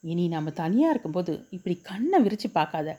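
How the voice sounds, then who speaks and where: A man's voice: sits high, sing-song, brisk, dark tone. A woman voicing a playful young man who teases and coaxes his fiancée, in a storybook reading. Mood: teasing. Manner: teasing, coaxing. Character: playful young male lover, teasing.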